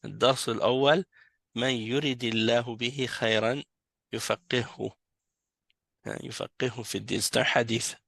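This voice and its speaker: A man's voice: medium pitch, steady tone, fast talker, gravelly, a bit bright, dry recording. A man teaching an Arabic class in French, patiently explaining and correcting students. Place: mosque classroom.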